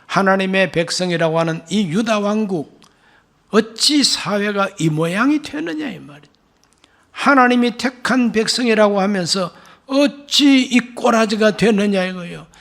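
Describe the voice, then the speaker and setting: A man's voice: high-pitched, a bit bright. A man preaching a Sunday sermon as pastor, reading scripture and pressing rhetorical questions with emphasis. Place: church sanctuary.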